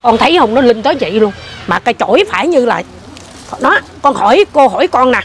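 An older woman, telling a ghost story in casual chat, animated and repetitive. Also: fairly high pitch, quick pace, a little hiss or hum. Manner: animated, repeats herself, points things out.

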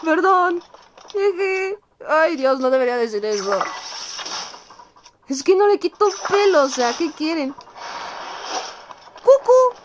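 A woman's voice: sits high, expressive, measured pace, long pauses, very noisy. A woman hosting a let's-play video, nervous, exclaiming and apologizing to her viewers as she plays. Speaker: gameplay video host.

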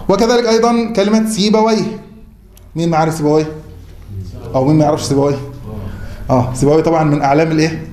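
High-voiced Egyptian man teaching a class. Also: steady tone, fast talker, long pauses, warm tone. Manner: asks the class questions and answers them himself. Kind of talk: classroom lecture. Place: classroom or mosque hall. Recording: roomy hall with faint noise.

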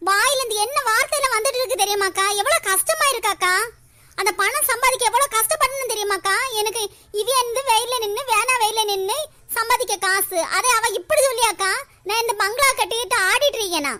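A woman's voice: very high voice, brisk, bright, forceful tone. A woman voicing a well-off village woman in a cartoon, aggrieved and pleading with the neighbours. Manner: pleading, aggrieved, repeats "akka". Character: well-off village woman defending her family. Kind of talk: animated cartoon voice acting.

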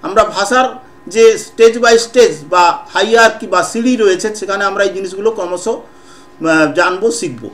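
A man teaching an online class, explaining step by step with frequent pauses and filler sounds on a video call. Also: high voice, a bit bright. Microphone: computer microphone on a video call.

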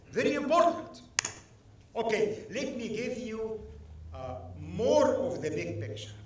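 Animated male preacher in an echoey church. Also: sits high, a little hiss or hum. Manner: animated, emphatic, calls on congregation to respond. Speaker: guest preacher. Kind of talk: sermon. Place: church sanctuary. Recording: echoey church hall, mic at a distance.

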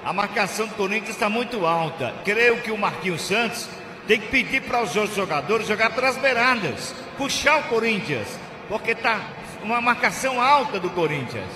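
A Brazilian man analyses a football match in a high voice, repeating phrases to press his point. The recording is echoey and full of stadium noise. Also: expressive, moderate pace.

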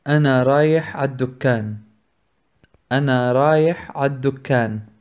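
A man's voice: medium pitch, rapid-fire, darkish tone, clean tone. A man with a Levantine Arabic accent reading short example phrases for a language lesson.

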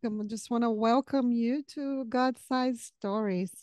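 A middle-aged podcast host from southern Brazil speaks at normal speed in a warm, slightly high voice with no echo. A native Portuguese speaker with a Brazilian accent, she holds a conversational interview over a video call from her home study with bookshelves, sitting close to a podcast microphone on a boom arm.

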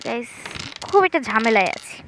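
A woman doing chatty voice-over commentary on a game, talking quietly into an earphone mic at home so she won't wake anyone. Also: on the high side, animated, fairly quick, slight background noise. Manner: talks quietly so as not to wake her sleeping parents; chatty, keeps addressing viewers. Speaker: gaming channel host. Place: room at home at night. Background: game music.

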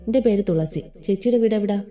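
A woman's voice: mid-range voice, brisk, natural voice. A woman voicing a humble, grateful teenage girl in a Malayalam audio story, speaking earnestly and modestly. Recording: slightly dull with soft background music.

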